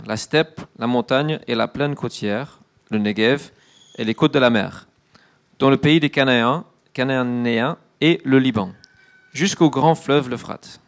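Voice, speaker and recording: A man interpreting a sermon line by line and reading scripture, quick and fluent. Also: mid-range voice. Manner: quick, fluent rendering with brief fillers.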